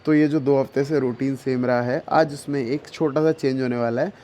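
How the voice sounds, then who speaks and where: A young man vlogs casually to camera about his fitness routine, first at home and then at the gym, mixing Hindi and English phrases. He has a sore throat and a slight cold; his medium-pitched, dark voice stays steady at normal speed, with a little hiss or hum in the background.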